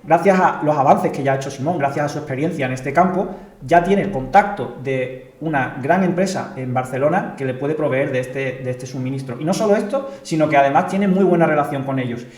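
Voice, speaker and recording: Higher-voiced man narrating in an echoey room. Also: darkish tone. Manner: measured, explanatory. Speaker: startup mentor and presenter. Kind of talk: scripted narration.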